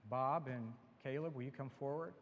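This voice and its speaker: A male pastor preaching in a mid-pitched voice, earnest and plain-spoken, lifting his voice on the phrases he wants to land. He drops into casual asides to his congregation between passages. The sound carries the long reverb of a church sanctuary. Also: moderate pace, phone-quality sound, slight background noise. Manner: earnest preaching, rising emphatic on key phrases. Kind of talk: sermon.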